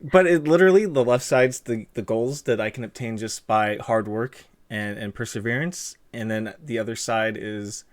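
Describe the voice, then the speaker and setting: Hosting a live stream with a guest, a young man speaks in a lowish voice at a moderate pace with few pauses. His interview is casual and rambling, with viewer comments read aloud and plenty of fillers and restarts in his chatty delivery.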